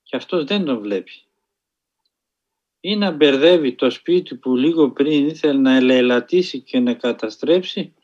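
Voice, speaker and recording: Man, preacher, earnest sermon storytelling, measured pauses, mid-pitched, slightly muffled lo-fi sound. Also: animated, darkish tone. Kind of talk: sermon-style spiritual storytelling.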